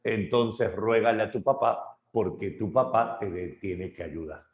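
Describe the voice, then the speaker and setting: A man voicing a group of concerned cyclops brothers, calling out loudly, in an echoey room. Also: on the low side, unhurried, highs cut off.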